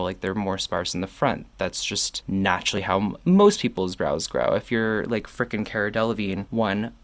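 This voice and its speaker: A man giving a casual makeup tutorial while tipsy from wine, candid and cheeky, rambling and correcting himself as he goes. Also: lowish voice. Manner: rambling, self-correcting, loses train of thought. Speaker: makeup reviewer.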